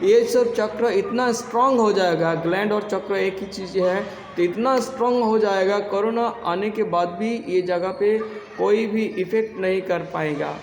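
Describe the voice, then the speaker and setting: A man teaching yoga in a casual, halting way, with many restarts and some throat clearing. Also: sits high, roomy sound, long reverb tail, slight background noise. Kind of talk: casual spoken instruction.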